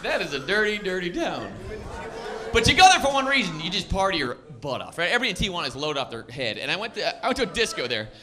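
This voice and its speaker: Male stand-up comic, high lively voice, noisy live club, crowd laughing. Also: fast talker. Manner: animated storyteller, acts out characters. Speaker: stand-up comedian. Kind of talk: stand-up comedy set. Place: comedy club stage. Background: audience laughter and room noise.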